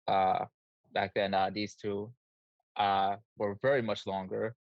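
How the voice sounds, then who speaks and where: A man guesting on a podcast, telling lively personal stories and laughing along. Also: lowish voice, slow pace, gravelly, dry recording, dull audio. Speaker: guest co-host. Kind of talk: casual storytelling.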